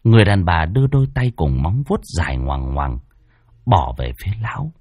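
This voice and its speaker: A man's voice: deep voice, big pitch swings, normal speed, darkish tone, dry recording, studio quality. A man narrating a horror story in a dramatic, ominous way.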